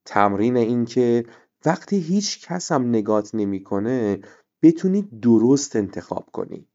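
A man voicing a patient father who speaks calmly and softly, asking his son gentle questions. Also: medium pitch, dull audio. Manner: calm, soft-spoken, questioning.

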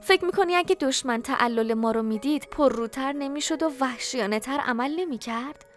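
A woman reading a storybook, voicing a loving mother who is tender but firm and gently teasing. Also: sits high, soft background music, lightly acted. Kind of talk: audiobook character voice.

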